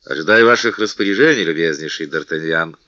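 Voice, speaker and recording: A man's voice: deep voice, brisk, sharp tone, no room sound, muffled recording, voice pushed down. A man reading the part of a timid, gloomy middle-aged prison governor who talks in a mournful way.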